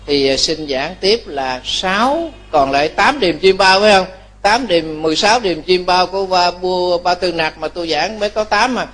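Nhà sư giọng cao, giảng pháp sôi nổi. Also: male voice, high voice, normal speed. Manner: lively storytelling, chuckles, asks listeners to agree. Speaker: Buddhist monk preacher. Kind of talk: Dharma talk sermon.

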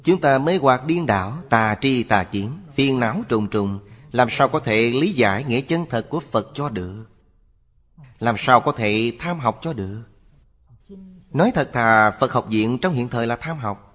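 A man giving a Buddhist sermon in a measured, lecturing cadence. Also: mid-range voice, expressive, fairly bright tone. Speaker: Buddhist teacher. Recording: long hall reverb.

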